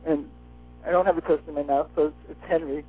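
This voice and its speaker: A man with a high-side, breathy-edged voice talks quickly and steadily while wearing a retainer, giving a personal testimonial as an interview guest on a phone call. The muffled line carries faint music in the background.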